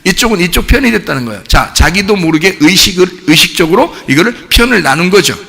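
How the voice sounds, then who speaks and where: A middle-aged male pastor giving a sermon in a church, animated, putting questions to the congregation and acting out cheering crowds. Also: high-pitched, quick pace, creaky. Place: church sanctuary. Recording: church hall with long reverb.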